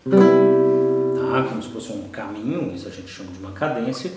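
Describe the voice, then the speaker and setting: A Brazilian man with a Brazilian Portuguese accent teaching an online course, who keeps checking in with quick "ok?" and "tá?" asides. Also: fairly low pitch, lively intonation, recorded from a distance, loud music behind the voice. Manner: explanatory, frequent "tá?" and "ok?" checks. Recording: echoey room, voice from off-mic.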